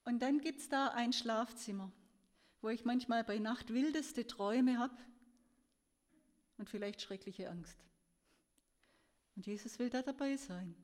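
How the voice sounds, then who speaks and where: A woman giving a sermon in an earnest, gentle storytelling way, her voice rising and falling as she tells a story. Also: on the high side, measured pace, long pauses. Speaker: preacher.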